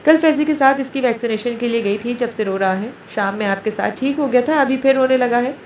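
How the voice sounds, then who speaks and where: A woman's voice: a little high, lightly acted. A woman narrator voicing a young mother who speaks plainly and complains, recorded distant and roomy. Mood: sulky. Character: exasperated young mother, sulking. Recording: roomy, distant, dull, faint hiss.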